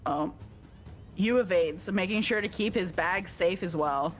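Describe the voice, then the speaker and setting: A woman's voice: on the low side, a little slow, faint music behind. A woman streamer reading a visual novel's text aloud, stopping often to joke and laugh with a co-player. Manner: reads text evenly, breaks off to joke and laugh. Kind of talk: let's-play narration with casual asides.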